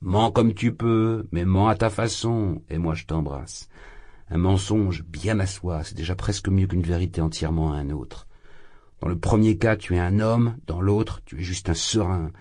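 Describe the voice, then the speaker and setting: A man reading an audiobook voices a drunk, exalted young man who rants loudly, his voice leaping high and then sinking. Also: normal speed. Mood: ranting. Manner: loud, impassioned, rambling, swings high. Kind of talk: audiobook character voice.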